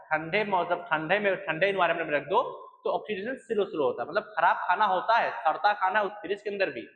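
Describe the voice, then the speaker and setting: A man's voice: sits high, dull audio. A man from India teaching a classroom chemistry lecture, asking students questions, repeating the answers and mixing English phrases into his talk. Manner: mixes English phrases into Hindi. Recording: echoey room with long reverb.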